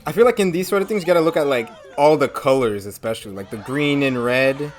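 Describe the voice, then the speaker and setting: A woman giving casual, expressive reaction commentary as the host of a video, often exclaiming. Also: very deep voice, fast talker, soft background music.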